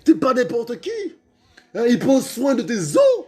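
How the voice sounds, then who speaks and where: Fervent high-voiced male preacher. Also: huge pitch swings, a little slow. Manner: fervent, repetitive, calls out to listeners, stammers, shouts at times.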